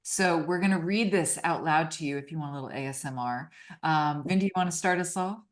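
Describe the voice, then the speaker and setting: A woman co-author hosting a book launch video, talking in a quick, chatty, upbeat way with casual fillers. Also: sits low. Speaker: co-author and host.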